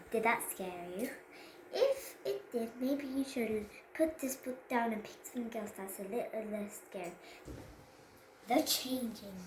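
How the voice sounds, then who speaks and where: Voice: medium pitch, darkish tone. A child reads a children's story aloud, stumbling over words and going back to repeat phrases. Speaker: child reader presenting a storybook. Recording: roomy echo with background noise.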